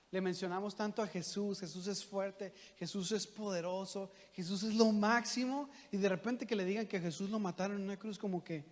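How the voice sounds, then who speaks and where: A man preaching a sermon as pastor, talking conversationally and asking the congregation rhetorical questions. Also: sits high. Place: church hall. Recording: long church reverb.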